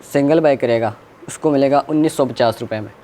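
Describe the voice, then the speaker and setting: A man's voice: medium pitch, a little fast, warm tone. A man with a Pakistani accent working as a shop seller, listing stock and prices in a repetitive, unscripted sales presentation. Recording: clear background noise.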